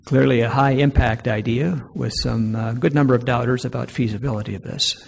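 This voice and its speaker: A man presenting poll results to an audience, reading each item aloud more loudly and slowly. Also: mid-range voice, fairly even intonation, vocal fry, breathy edge. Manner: reads each item aloud louder and slower. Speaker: presenter leading a workshop poll. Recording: long hall reverb.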